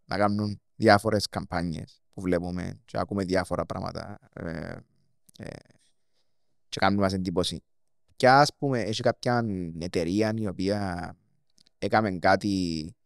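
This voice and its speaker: A man with a Cypriot Greek accent hosting a casual interview, speaking haltingly in short fragments. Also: low-pitched, creaky, clean tone, dry recording, clean studio sound. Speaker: podcast host.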